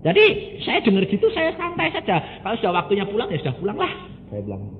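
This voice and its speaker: An older man with a Javanese accent, an evangelist telling a story in a sermon, swinging between loud exclamations and low asides. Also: huge pitch swings, quick pace. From Indonesia (Jepara, Central Java). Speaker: evangelist preacher. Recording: phone-like narrow sound in a reverberant hall with faint hiss.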